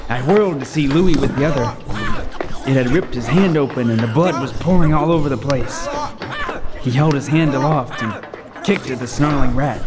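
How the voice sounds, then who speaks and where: A man with a mid-range, fairly ordinary voice speaks at a moderate pace. He's an actor in a radio table read, playing a lighthouse keeper who narrates his own horror story in the first person with vivid, suspenseful intensity. The room has a long, spacious reverb and a faint hiss.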